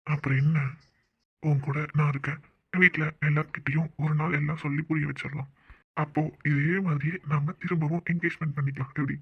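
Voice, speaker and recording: A man's voice: fairly high pitch, level tone, a little fast, slightly rough, lo-fi sound. A man voicing a devoted young fiancé in a cartoon, coaxing and teasing his tearful partner with affection. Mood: loving. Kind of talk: cartoon voice acting.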